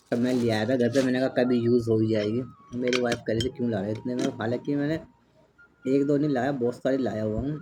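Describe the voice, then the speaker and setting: This is a medium-pitched male voice with a Garhwali accent, belonging to a father and family vlogger from the Garhwal hills, India. He rambles casually at home and coaxes his child. The audio is poor, with clear background noise from the home setting.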